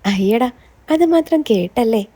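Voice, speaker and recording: A woman's voice: on the high side, lively intonation, a little slow, dark tone. Woman reading as a coy teasing young woman. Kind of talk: scripted story reading.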